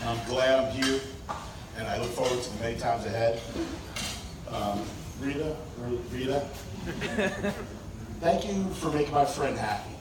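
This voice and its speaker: A man's voice: mid-range voice, moderate pace. A man giving a best man's wedding toast speech, reading it from paper to the guests. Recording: echoey noisy room, far from mic.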